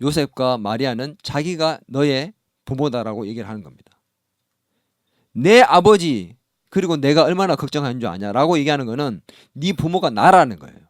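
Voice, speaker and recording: A man's voice: medium pitch, moderate pace, no echo, studio quality. A man preaching a sermon as pastor, asking the congregation questions and acting out parts of the story. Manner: animated, acts out scolding dialogue, asks the congregation questions.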